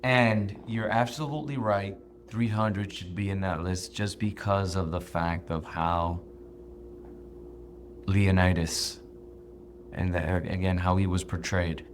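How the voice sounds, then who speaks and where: Deep-voiced man co-hosting a podcast. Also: fairly even intonation, slow pace, slight background noise. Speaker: podcast co-host. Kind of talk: casual podcast chat.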